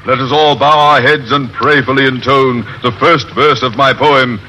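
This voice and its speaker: A man's voice: medium pitch, steady tone, moderate pace, lightly acted. An American man playing a pompous, blustering middle-aged captain who is a coward underneath, in old radio sitcom style. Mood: pompous, commanding. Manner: pompous, grandiloquent, theatrical. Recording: noisy old radio broadcast, loud studio audience.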